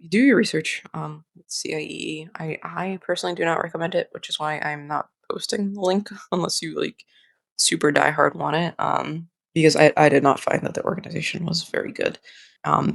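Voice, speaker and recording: A young adult vlogger with a mid-range, slightly nasal voice and vocal fry rambles candidly through a personal vlog. She often repeats and restarts phrases, and the recording is dry with clean studio sound.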